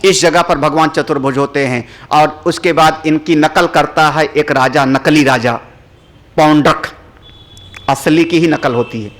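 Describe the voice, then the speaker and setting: A man, a spiritual teacher, giving a religious discourse with animated storytelling. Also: fairly high pitch, unhurried. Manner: animated storytelling, rising loud for dramatic moments.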